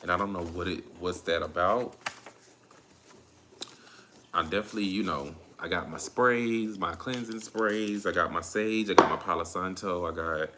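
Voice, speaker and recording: Deep-voiced Southern man, laid-back tarot reader, tired, with faint noise behind him. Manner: laid-back, drawn-out, repeats phrases while calling on spirit. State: tired, drained. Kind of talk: casual tarot reading monologue.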